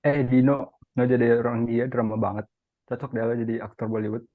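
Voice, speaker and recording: A young man voices an easygoing student who chats in casual slang. He speaks quickly and evenly, and the recording sounds thin and phone-like. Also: medium pitch, completely flat delivery, close to an everyday voice.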